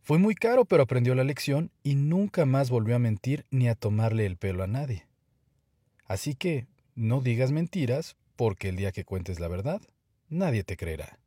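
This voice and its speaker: A man narrating a children's fable in an expressive, scripted storybook style. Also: mid-range voice, moderate pace, no echo, clean studio sound.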